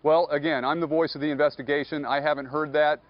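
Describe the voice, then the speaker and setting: A man speaking as a police captain in a live TV news interview, measured and guarded, often filling pauses with "uh" and "you know". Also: fairly high pitch, flat delivery, highs cut off. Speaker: police captain, investigation spokesman.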